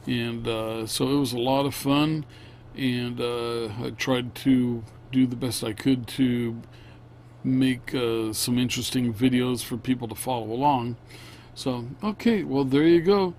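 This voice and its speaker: A man narrating a casual vlog, unscripted, in a halting, plain-spoken way. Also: mid-range voice, a little mellow, a little hiss or hum. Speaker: vlogger.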